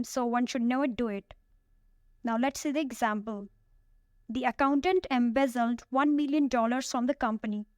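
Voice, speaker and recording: Woman with a smooth, crisp teaching voice. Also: fairly high pitch, no room sound, clean studio sound. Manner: slow, careful word-by-word pronunciation drills. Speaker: vocabulary teacher. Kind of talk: scripted vocabulary lesson.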